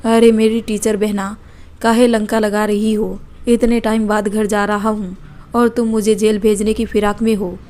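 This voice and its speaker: A woman's voice: medium pitch, flat delivery, normal speed, dark tone, close to an everyday voice. A woman voicing a playful young man who teases and jokes nonstop in a storybook tale. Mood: teasing. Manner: cheeky, joking banter.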